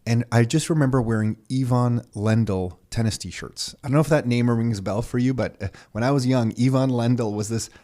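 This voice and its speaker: A Canadian man whose first language is Croatian co-hosts a podcast, telling a story in a casual, rambling, self-correcting way and laughing along. His mid-range voice has a warm tone, moving at normal speed with few pauses.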